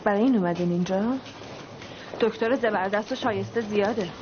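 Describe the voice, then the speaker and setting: An actress playing a firm, guarded magazine photographer in dubbed film dialogue. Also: female voice, mid-range voice, noisy background, lightly acted. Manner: cool, firm. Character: brisk, guarded woman photographer. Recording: dull film soundtrack.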